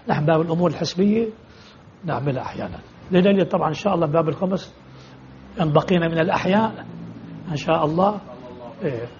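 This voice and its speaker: A man's voice: high voice, dull audio, slight background noise. A man teaching religious law in a lecture, explaining with repeated examples and rhetorical questions as he answers students.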